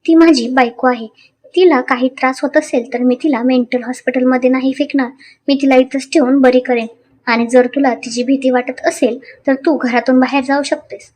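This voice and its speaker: A woman voicing a stern young husband who speaks firmly and protectively, in a high voice. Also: steady tone, normal speed, darkish tone. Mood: angry. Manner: firm, commanding.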